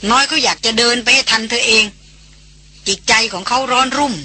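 A woman reading an audiobook voices a calm older brother who speaks evenly and soothingly. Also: fairly high pitch, fairly quick, slight background noise, pitched above the performer's own voice. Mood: reassuring.

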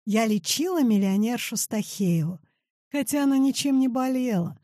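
A woman voicing a lively, proud old grandmother who tells stories with playful boasting. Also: a little high, moderate pace, no echo, clean studio sound, natural voice.

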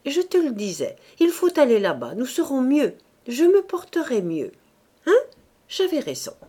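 Fussy lodger wife as a woman reads her, eager wheedling chatter, lively rising and falling pitch, audiobook reading. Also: moderate pace, slightly rough, exaggerated voice.

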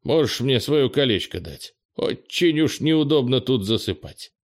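A man voicing a calm, laconic disguised man of middle age in an audiobook. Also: medium pitch, a little slow, pitched above the performer's own voice.

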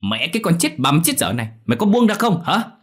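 A man's voice: on the low side, big pitch swings, moderate pace, slightly rough. A man voicing a cruel, greedy female moneylender who screeches and curses in a storybook tale. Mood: furious. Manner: screeching, cursing, scornful.

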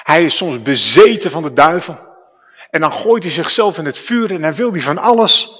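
A man's voice: fairly high pitch, lively intonation, normal speed, a bit bright, husky, muffled recording. A man voicing a desperate father who pleads for help for his sick son. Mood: pleading. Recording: reverberant church hall.

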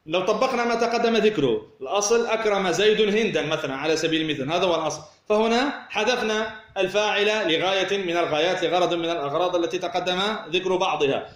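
High-voiced male teacher in an echoey room. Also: fairly bright tone. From Tunisia. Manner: asks rhetorical questions and repeats words while explaining; draws out example words slowly. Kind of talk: classroom grammar lesson.

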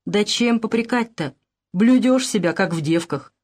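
A woman voicing a rough young village man who speaks in short, gruff questions, in an audiobook. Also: mid-range voice, animated, moderate pace, a little mellow, natural voice. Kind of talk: audiobook character voice.

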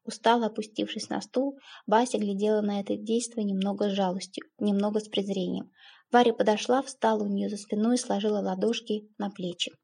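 Woman, audiobook narration, dramatic, husky, dark voice. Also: mid-range voice, fairly even intonation, a little fast.

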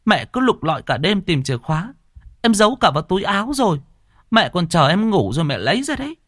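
A man's voice: a little high, lively intonation, unhurried, slightly rough, no room sound, studio quality, pitched above the performer's own voice, exaggerated voice. A man voicing an anxious younger sister, flustered and stammering. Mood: upset.

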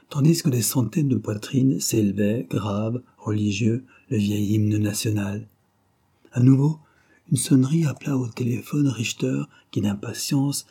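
Low, husky male audiobook narrator. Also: dark tone. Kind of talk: scripted narration of a novel.

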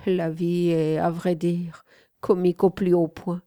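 A woman reading a devoted young man in an audiobook, pouring out fervent declarations of love. The delivery is slow and mellow, recorded dry and close. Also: lowish voice, flat delivery, dry recording, natural voice. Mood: wry. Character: young man smitten and submissive, lovesick servant.

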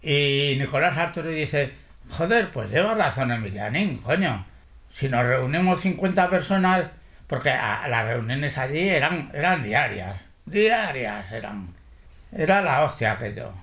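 An older man from Spain, interviewed about his past, telling lively stories full of salty slang and quoting others as he goes. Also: medium pitch, a little slow. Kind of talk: oral history interview.

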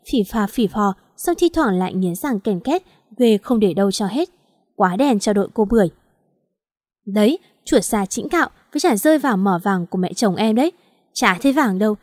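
A woman's voice: mid-range voice, a little mellow, no echo, studio quality. A woman narrating a first-person story in a chatty, sassy, colloquial way.

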